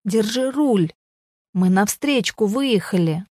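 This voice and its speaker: Lady reading as a swearing impatient guy yelling driving tips, mellow dry read. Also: mid-range voice, expressive, slow pace, no echo. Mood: exasperated shouting. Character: gruff man teaching driving, yelling.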